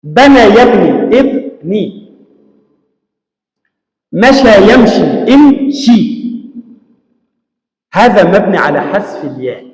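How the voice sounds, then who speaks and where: A man teaching a classroom grammar lesson, explaining step by step, asking his students questions and drilling examples slowly. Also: high-pitched. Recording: echoey hall with long reverb.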